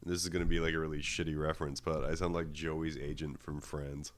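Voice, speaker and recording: A man co-hosting a podcast in casual chat, sounding husky and under the weather, joking and laughing often. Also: rumbling low, level tone, a little fast. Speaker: podcast co-host.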